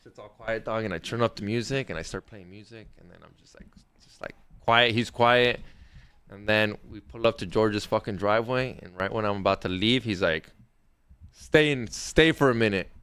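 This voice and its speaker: A man's voice: lowish voice, a little fast, clean tone. A young man telling a slangy, profane story in a casual podcast chat. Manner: slangy, profane, animated retelling. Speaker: podcast co-host.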